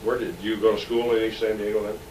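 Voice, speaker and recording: A man with a low voice conducts an oral history interview in a private home. He asks halting questions, clears his throat and repeats words. He is heard on old worn tape with steady hiss, from a mic set back in a roomy space. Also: recorded from a distance.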